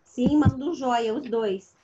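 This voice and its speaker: A woman's voice: high-pitched, takes it slowly, lo-fi sound, very noisy. A woman teaching a primary school class over a video call. She asks her pupils patient questions and calls on them by name. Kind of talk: online class instruction.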